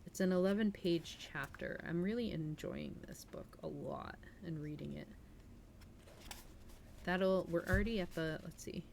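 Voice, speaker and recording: A woman's voice: lowish voice, a little slow, vocal fry, darkish tone, a little hiss or hum. A woman hosting a livestream, reading aloud in a storytelling style and chatting informally with her viewers. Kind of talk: storytelling read-aloud and casual stream chat.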